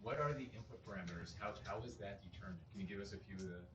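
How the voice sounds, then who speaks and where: Curious audience guy, low voice, talks quick, far off with lots of room noise. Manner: curious, inquisitive. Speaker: audience member. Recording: far from mic, noisy roomy hall.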